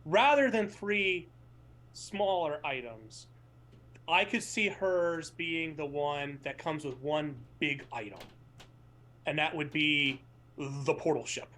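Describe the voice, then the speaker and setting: A man chatting casually as a tabletop show player, phrasing things in a halting, deliberate way. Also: fairly high pitch, expressive, pushed and bright. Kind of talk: casual chat.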